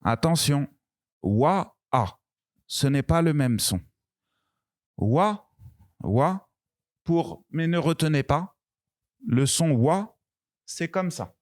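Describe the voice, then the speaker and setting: A man teaching a beginner French pronunciation lesson, slow and patient, repeating each word and sound clearly. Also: fairly high pitch, a little mellow, dry recording, clean studio sound.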